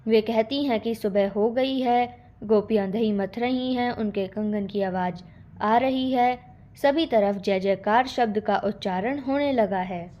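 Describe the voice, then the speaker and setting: A woman's voice: a little high, mellow. A woman teacher steadily reading out a poem explanation and answers for a school lesson.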